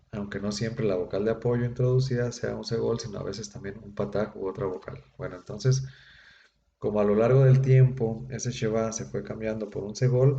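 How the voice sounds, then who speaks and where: A man with a lowish, mellow voice lectures patiently, filling pauses with soft hesitations. The sound is dull and lo-fi, bouncing around a roomy space with a faint hiss underneath. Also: gravelly. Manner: patient, explanatory, frequent "eh" and "este" fillers. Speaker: Bible institute Hebrew teacher. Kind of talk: classroom grammar lecture.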